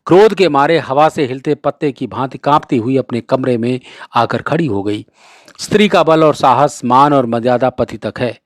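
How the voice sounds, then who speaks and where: A man reading a classic short story aloud as a storyteller, with steady, expressive narration. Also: medium pitch, normal speed, dry recording, clean studio sound.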